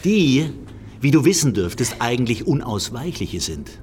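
A man's voice: medium pitch, big pitch swings, normal speed, darkish tone, close to an everyday voice. A sneering, toying captor, voiced by a man in a radio crime play. His voice rises and falls widely as he mocks his prisoner. A long room reverb and faint hiss sit behind him. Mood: mocking. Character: mocking male captor holding a man at a noose.

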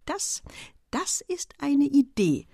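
A woman's voice: on the low side, sing-song, moderate pace, slightly rough, dry recording, clean studio sound. A woman doing a flustered fussy husband. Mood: pleased. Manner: huffing, flustered.

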